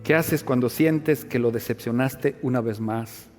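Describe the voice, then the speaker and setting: A male pastor preaching a sermon, moving between hushed, searching questions and loud, emphatic passages. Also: medium pitch, measured pace, long reverb tail, soft background music.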